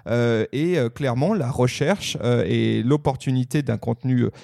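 Gravelly-voiced French man, casual talk. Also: medium pitch, normal speed, dark tone, dry recording, clean studio sound. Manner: hesitant, many fillers and restarts. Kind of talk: casual podcast discussion.

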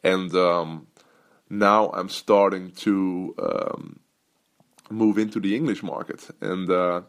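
On his casual solo podcast, a Dutch business coach talks loosely, with frequent fillers and restarts. His voice sits low and steady, and he speaks at a slow pace.

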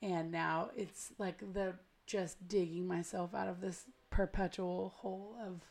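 An American woman hosting a podcast with casual, rambling, slangy chat, her gravelly voice hoarse and smoky from a cold. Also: lowish voice, level tone, unhurried, darkish tone. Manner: chatty, rambling, self-deprecating, slangy. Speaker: podcast host. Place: at home.

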